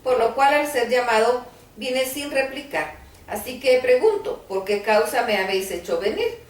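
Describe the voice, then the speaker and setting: A woman's voice: fairly high pitch, expressive, moderate pace, distant mic, close to an everyday voice. Woman reading a humble devout apostle. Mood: earnest. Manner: earnest, plainly read. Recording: roomy, voice a bit off-mic.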